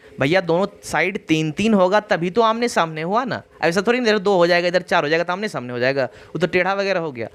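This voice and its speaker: A man teaching an online exam-prep reasoning lesson, repeating points and checking understanding with "clear?". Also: sits high, fast, fairly bright tone.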